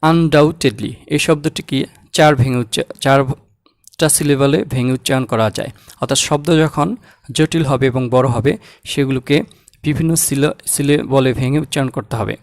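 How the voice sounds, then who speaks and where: A man teaching English pronunciation, saying example words slowly and repeating them. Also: mid-range voice, steady tone, no echo, clean studio sound. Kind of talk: slow, deliberate language lesson.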